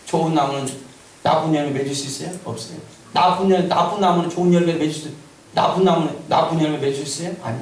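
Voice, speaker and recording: A man's voice: fairly high pitch, quick pace, far from the mic. Emphatic preaching man in an echoey church. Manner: emphatic storytelling, drawing amens from the crowd. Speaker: pastor. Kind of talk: testimony sermon to a congregation. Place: church sanctuary.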